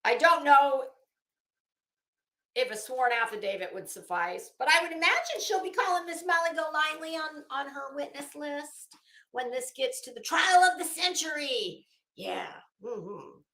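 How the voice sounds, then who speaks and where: In an echoey room, an online host with a high-pitched, sharp-toned voice dramatically reads documents aloud, a little slowly and with animation. She interrupts herself with brash, sarcastic, profane remarks.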